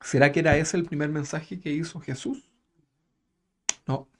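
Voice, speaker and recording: A male preacher with a slightly raised voice delivers a sermon as if chatting with his congregation. He keeps checking in with little tag questions and lets out soft chuckles along the way. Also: fairly high pitch, steady tone, moderate pace. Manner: conversational, tag questions after nearly every phrase; chuckles while telling a story.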